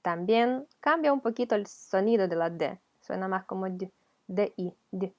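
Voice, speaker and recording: A woman's voice: medium pitch, normal speed, a little mellow. A woman with a Ukrainian accent, a teacher explaining a video lesson patiently, step by step. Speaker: language teacher.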